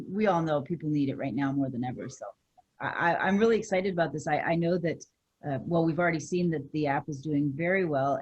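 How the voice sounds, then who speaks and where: A woman's voice: on the low side, slightly rough, muffled recording. A woman hosting a live interview with enthusiasm, often repeating her words as she encourages her guest. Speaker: host.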